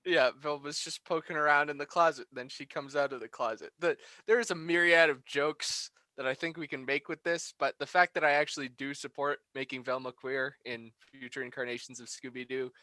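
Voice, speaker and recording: A man's voice: mid-range voice, steady tone, brisk, few pauses, sharp tone, no echo. A man co-hosting a podcast review, chatting casually, laughing often and swearing freely. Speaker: podcast co-host.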